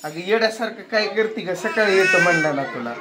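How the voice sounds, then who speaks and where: A man's voice: sits high, lively intonation, brisk, very noisy. A man, chatting at home in a family vlog and teasing and scolding in turns. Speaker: family vlogger. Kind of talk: casual family chat on camera.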